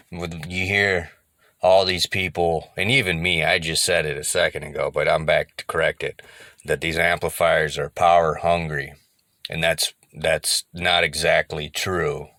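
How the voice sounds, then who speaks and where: Easygoing male vlogger, very low pitch, sharp tone, close and dry. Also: little pitch movement, measured pace, dry recording. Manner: rambling, easygoing, repeats himself. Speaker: car audio hobbyist. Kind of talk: casual vlog talk to camera.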